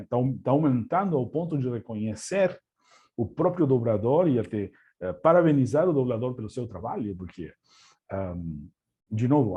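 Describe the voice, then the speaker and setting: A man's voice: medium pitch, dark tone, muffled recording. A man from Argentina, a native Spanish speaker with an Argentine accent, gives a webinar presentation, often hesitating, with many fillers and repeated words.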